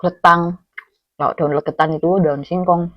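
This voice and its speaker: A woman's voice: fairly low pitch, steady tone, moderate pace, dry recording, dull audio. A woman from Cilacap, Indonesia, with a Javanese accent, chatting casually with her mouth full as she eats, humming as she savours food. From Cilacap, Central Java, Indonesia. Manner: talks with mouth full while eating, with savouring hums. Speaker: food vlogger. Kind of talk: casual eating chat, mukbang.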